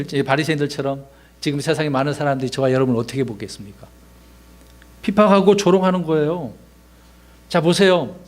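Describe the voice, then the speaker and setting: A pastor with a slightly high voice preaches a conversational sermon. He poses rhetorical questions to his congregation and acts out the lines he quotes.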